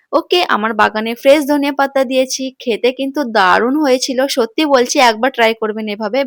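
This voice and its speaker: A woman's voice: sits high, dry recording, studio quality. A woman talking through a home recipe in a casual, chatty way, often saying "okay" between steps. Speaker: cooking video host. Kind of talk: casual cooking voice-over.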